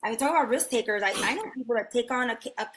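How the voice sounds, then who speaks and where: A woman's voice: fairly high pitch, very fast, a bit bright, slight background noise. A woman lawyer speaking as a podcast guest, talking frankly and conversationally with fillers. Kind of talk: casual interview chat.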